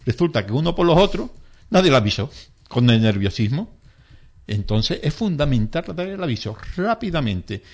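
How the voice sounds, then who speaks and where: A man's voice: fairly high pitch, big pitch swings, normal speed. A man explaining emergency first aid steps in an interview, emphatic and repetitive, stressing key points. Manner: emphatic, repetitive, acts out panicked bystanders in quotes.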